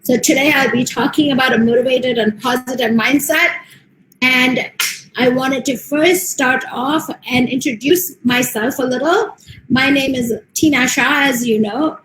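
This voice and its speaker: An American motivational speaker gives an earnest online presentation, her high voice unhurried and steady, with frequent um fillers. The audio is poor and reverberant, with slight background noise.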